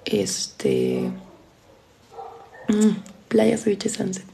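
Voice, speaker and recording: A young woman of eighteen from Peru with a Peruvian Spanish accent, tired and chatting casually as she answers viewers' questions, reading each one aloud before replying in quick, quiet asides. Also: medium pitch, wildly swooping pitch, gravelly, slight background noise. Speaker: live streamer.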